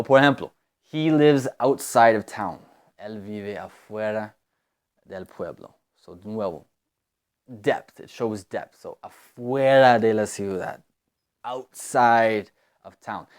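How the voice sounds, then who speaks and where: A man gives a language lesson at a very slow, deliberate pace, stopping on fillers and repeating words as he searches for them. His voice sits a little low, and he speaks as an English speaker explaining grammar. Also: darkish tone. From United States. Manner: unhurried, hesitant, with many fillers and repeated words. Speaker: English teacher.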